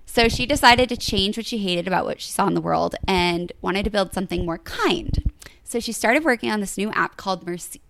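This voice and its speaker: A woman's voice: medium pitch, fairly quick, creaky, a bit bright, a little hiss or hum. A young woman co-hosting a podcast, casually retelling a story and filling her speech with "like". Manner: chatty, fills speech with "like".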